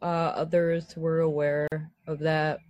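A woman's voice: low voice, flat delivery, takes it slowly, darkish tone, no echo, dull audio. A woman chatting casually in an exasperated, sweary ramble, her S sounds lisped and slurred, lips over toothless gums. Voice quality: lisping, slurred S sounds from missing teeth. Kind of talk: casual chat.

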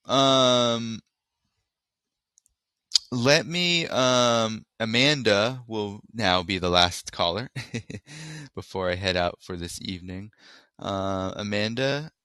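A man's voice: on the low side, expressive, slow, bright, forceful tone, smooth, dry recording, studio quality. A man hosting a call-in podcast, talking casually and thinking aloud with fillers. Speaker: podcast host.

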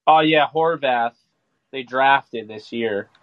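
A man co-hosting a podcast, chatting through a football game as it airs. He reacts quickly and excitably and laughs often, at a middling pitch. The sound is dry and a bit dull and lo-fi. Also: dry recording. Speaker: podcast co-host. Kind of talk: casual live game commentary.

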